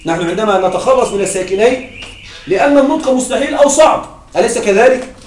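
A man teaching an Arabic grammar lesson to a class, asking questions and answering them himself, repeating key points slowly for emphasis. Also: very high-pitched, lively intonation, a little mellow. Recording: echoey room, mic at a distance.

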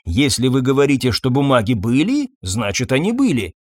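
A man voicing a calm, indifferent hotel manager who speaks in an unhurried, dryly evasive way. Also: mid-range voice, dry recording, clean studio sound.

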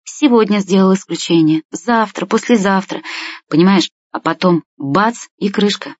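Brief: old grandfather, put on by the storyteller, tired and gentle, sighs a lot, husky tone, dull lo-fi sound. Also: medium pitch, moderate pace, dry recording, pitched above the performer's own voice, lightly acted. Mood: weary. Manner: weary, sighing.

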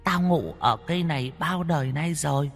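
A man voicing the malicious ghost of a little girl who haunts a tree, with a shrill, taunting, gleeful manner. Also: moderate pace, creaky, long reverb tail, soft background music. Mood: mocking.

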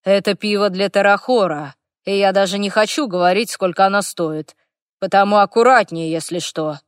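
A woman's voice: medium pitch, moderate pace, clear, resonant tone, dry recording, natural voice. A male dragon in human guise, short-tempered and worn out by his companions, as a woman narrator voices him. He answers in brusque, clipped retorts. Close, dry audiobook reading. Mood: exasperated. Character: male dragon in human form, gruff and exasperated. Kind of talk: audiobook character voice.

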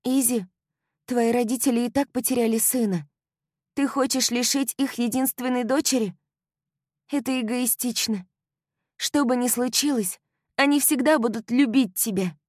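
Female reader doing the gushing best friend: young, loud, high, breathless, dry close read. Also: moderate pace, dry recording, natural voice. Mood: earnest. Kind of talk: audiobook character voice.

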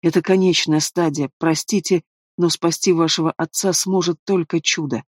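A man's voice: a little high, fairly even intonation, moderate pace, no echo, clean studio sound, natural voice. A man voicing a frightened old male healer in an audiobook, exclaiming in panic.

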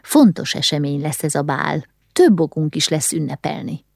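A woman's voice: sits low, animated, gravelly, darkish tone, no room sound, clean studio sound, exaggerated voice. A woman voicing a haughty, fussy aristocratic mother who is condescending and easily alarmed, in an audiobook reading. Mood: bossy.

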